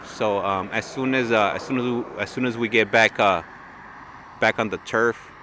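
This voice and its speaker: A man's voice: fairly low pitch, steady tone, normal speed, background noise. A man telling a long story in a loose, chatty way, full of fillers and restarts, as host of his own livestream. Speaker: plane-spotting livestream host. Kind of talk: casual rambling storytelling.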